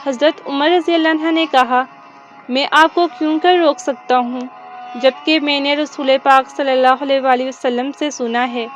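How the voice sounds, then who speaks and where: A woman with a high voice reads a religious tale as scripted narration. Her delivery is formal and reverent, and soft music plays faintly behind her.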